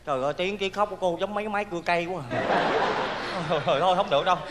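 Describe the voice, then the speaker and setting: A man with a Southern Vietnamese accent performing a stage comedy sketch, exclaiming and teasing in an animated way. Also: sits high, very fast. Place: theater stage. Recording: reverberant stage hall, faint noise.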